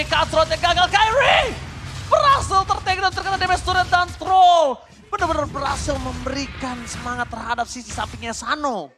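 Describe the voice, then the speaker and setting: A man calling an esports match play by play in a hyped, dramatic caster delivery. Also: very high-pitched. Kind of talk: excited esports match commentary.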